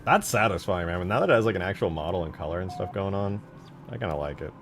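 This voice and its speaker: Fast and low-pitched with lively intonation, a man chats casually on a livestream while working on a game mod. He's informal and partly muttering to himself, with music in the background.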